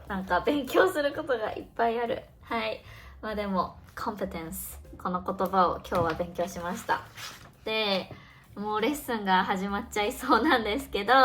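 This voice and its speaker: A woman's voice: mid-range voice, slight background noise. A woman in her twenties, an online language teacher, chatting casually through her day in a vlog, thinking aloud and stretching out her words. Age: 20s.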